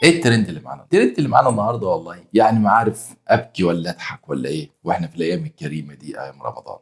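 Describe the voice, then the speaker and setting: A man with an Egyptian accent, commenting on online trends in a casual, incredulous storytelling manner. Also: lowish voice. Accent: Egyptian Arabic. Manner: rapid-fire, incredulous storytelling.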